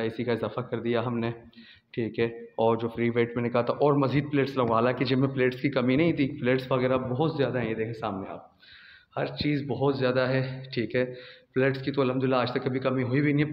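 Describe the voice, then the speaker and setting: A man in his thirties with a Pakistani Urdu accent, a gym owner chatting casually as he walks through his gym on a phone camera, tagging his sentences with "theek hai". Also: mid-range voice. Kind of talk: casual walkthrough vlog. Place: large indoor gym. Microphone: phone camera, selfie then walking. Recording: lo-fi phone audio with faint room noise and reverb.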